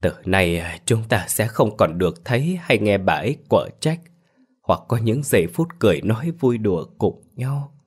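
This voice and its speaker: Casual: guy voicing an old maid gossiping, pretty much his normal deep voice. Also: expressive, normal speed, husky. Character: loyal old woman servant, gossipy and warm.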